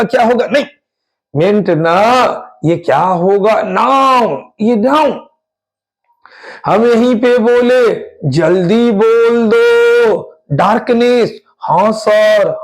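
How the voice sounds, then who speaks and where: A man teaching English grammar for competitive exams, drilling students with quick questions and repeating answers, spelling word endings out letter by letter. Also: high-pitched, darkish tone, poor audio. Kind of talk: exam-prep grammar lesson.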